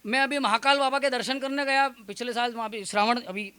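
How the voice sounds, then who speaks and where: High, bright self-mocking stage comic. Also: male voice, fairly even intonation, fairly quick, smooth. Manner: self-mocking, teasing the audience. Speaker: comic poet. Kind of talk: stage comedy storytelling. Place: live stage before an audience.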